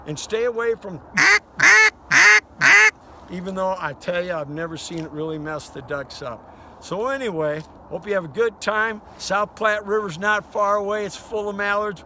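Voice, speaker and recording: Pushed and bright, this older man's high voice carries a conversational, folksy tone as he teaches duck calling in an easygoing hunting lesson. The riverside setting comes through in a noisy outdoor recording full of ambient sound and duck call quacks.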